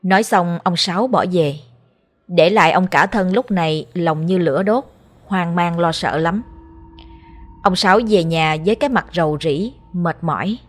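Low-voiced Southern Vietnamese woman storyteller. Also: moderate pace. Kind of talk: ghost story narration.

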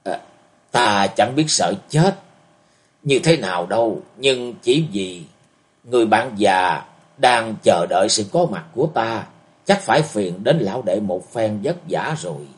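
Scornful old man figure voiced by a male reader, cold, lecturing, lively pitch. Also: unhurried. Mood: worried.

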